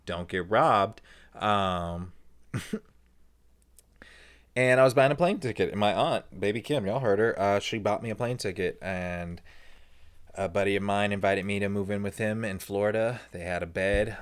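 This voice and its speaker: Male podcast host, deep voice, candid rambling monologue with animated high-pitched story moments. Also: clean tone. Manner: animated, swings into high excited tones when telling anecdotes; candid, conversational, with many fillers and asides.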